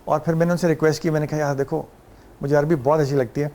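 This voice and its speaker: A man with a Pakistani Urdu accent tells relaxed anecdotes as a talk show guest. His voice sits a little high for a man, and he slips English and Arabic phrases into his talk. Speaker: guest actor.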